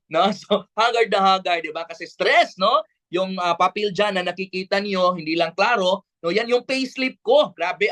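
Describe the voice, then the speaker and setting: A Filipino man giving an energetic online sales presentation, tagging nearly every line with a quick question to the listener. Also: high-pitched. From Bukidnon, Philippines. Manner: peppers lines with tag questions; energetic, persuasive.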